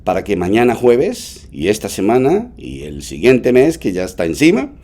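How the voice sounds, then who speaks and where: A man's voice: on the low side, wildly swooping pitch, moderate pace, dark tone. A man, preaching a sermon to his congregation. He leans hard on words for emphasis, talks fondly to his listeners and has them repeat lines after him. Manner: affectionate asides to the congregation. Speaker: pastor.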